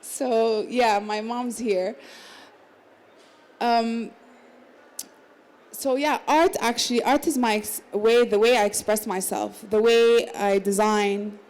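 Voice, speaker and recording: A woman in her thirties who grew up in the Emirates speaks as a panel guest at a literary salon during a book fair. Her voice is on the high side, steady, and a little mellow, and she talks slowly with frequent pauses. She's conversational, restarting sentences and laughing softly now and then.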